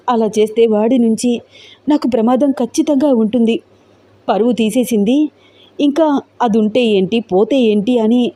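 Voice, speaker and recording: A young woman in an audio storybook, earnest and pleading, frightened yet determined, as a woman reader puts her on. Her voice is fairly high with a warm, mellow tone. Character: young woman Roopa, frightened but resolute.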